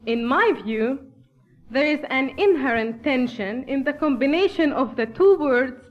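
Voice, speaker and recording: At a church gathering, a woman from Bethlehem in Palestine addresses the audience formally in English, her Arabic accent reflecting her first language. Her high-sitting voice is animated yet earnest and measured, heard through a muffled recording.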